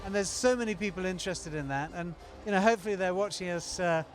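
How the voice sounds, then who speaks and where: A man with a fairly high voice talks on a live stream about an event he helps run. He speaks loosely and rambles, stopping often to find his words. He was recorded outside, with city traffic around. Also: quick pace, soft background music. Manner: rambling, many fillers and restarts. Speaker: event organizer and former TV producer. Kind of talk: casual live stream chat.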